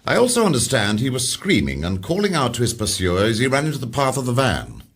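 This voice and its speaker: A man's voice: mid-range voice, wildly swooping pitch, fast, a bit bright, breathy edge, exaggerated voice. An actor playing a stern, pompous senior male detective in a radio drama, curt and commanding. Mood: haughty. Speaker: detective chief superintendent.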